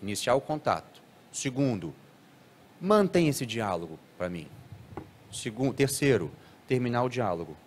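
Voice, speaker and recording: An animated man lectures a live audience. His voice sits in the middle range, and he often jumps higher to act out how children talk. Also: measured pace, a little hiss or hum. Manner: animated, acts out children's speech in a raised voice.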